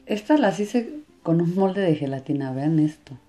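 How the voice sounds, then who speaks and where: A woman's voice: lowish voice, lively intonation, moderate pace, mellow. A woman hosting a casual hands-on demonstration aimed at children. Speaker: host of a children's toy and slime channel.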